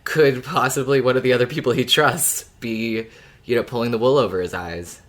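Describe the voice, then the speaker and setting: A podcast co-host chats casually and analytically about a story as part of a fan discussion of an audio drama. The voice is medium in pitch and a little fast.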